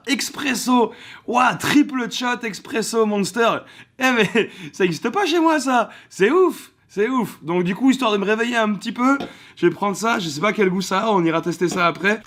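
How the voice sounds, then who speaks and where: A young man from France telling casual vlog stories in a hotel room, animated and swearing freely as he acts out the people he quotes. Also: high voice, moderate pace. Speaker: gaming vlogger.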